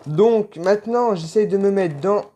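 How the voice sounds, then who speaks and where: A man giving casual, excited unboxing commentary, gushing and exclaiming often with lots of slang, recorded on a phone. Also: high-pitched, measured pace, a little hiss or hum. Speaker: toy unboxing vlogger.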